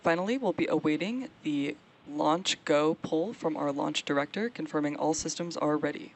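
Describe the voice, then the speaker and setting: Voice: mid-range voice, moderate pace. A launch webcast host giving explanatory live commentary on a rocket launch.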